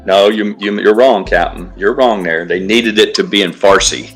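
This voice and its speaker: During casual stream chat, a male co-host goes off on profane, blunt rants. He speaks at a normal speed with a fairly low pitch, and music is faintly audible behind him.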